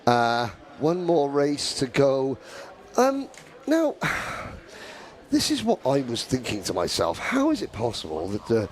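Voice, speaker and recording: A British man chatting on a karting broadcast, his pitch swinging widely as he jokes. He runs through paddock gossip and points out familiar faces in a playful, lively way. His voice sits in a middle register. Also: slow pace. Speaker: co-commentator. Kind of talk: live karting commentary.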